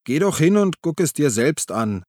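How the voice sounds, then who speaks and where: A man's voice: fairly high pitch, very animated, moderate pace, darkish tone, dry recording, clean studio sound, voice pushed up. A man voicing a sheepish, evasive police officer in an audiobook reading. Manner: embarrassed, evasive.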